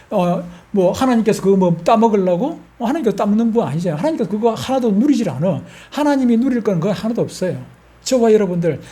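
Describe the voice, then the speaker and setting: Older Gyeongsang pastor, folksy preacher who quizzes his flock; mellow, dark tone. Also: high-pitched. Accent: Gyeongsang Korean. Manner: folksy, asks the congregation questions. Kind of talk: sermon.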